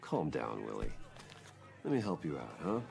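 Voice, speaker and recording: An actor playing a calm, guarded wealthy man in a video game, speaking in a low, measured and reserved way. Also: creaky, faint music behind, exaggerated voice.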